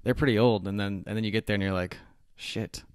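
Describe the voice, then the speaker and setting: A man in his thirties hosting a podcast, asking halting questions in an easygoing way and laughing often. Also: fairly low pitch, fairly even intonation, clean tone, no echo, clean studio sound. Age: 30s. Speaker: podcast host. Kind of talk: casual interview.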